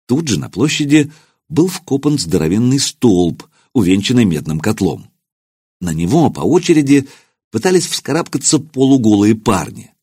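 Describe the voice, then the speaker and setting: A man narrating an audiobook in expressive, scripted storytelling. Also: fairly low pitch, husky, no echo, studio quality.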